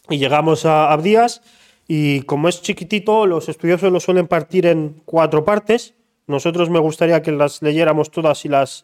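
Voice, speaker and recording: A man's voice: on the high side, darkish tone. A man from Spain leading a casual Bible study, talking with many fillers and restarts.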